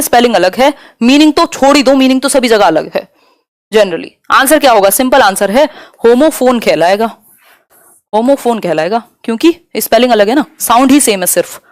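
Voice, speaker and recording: A young woman with a fairly high voice runs a live online exam-prep lesson. She explains each term step by step, mixing in English words, and slows right down when she reads a question out. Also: no room sound, clean studio sound. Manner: explains in Hindi mixed with English terms, slows to read questions aloud. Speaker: teacher.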